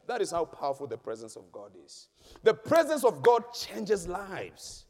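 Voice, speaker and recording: A man preaching a sermon in a church hall, emphatic and repetitive, with sudden loud peaks. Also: high voice, huge pitch swings, normal speed. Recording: long echoing church-hall reverb.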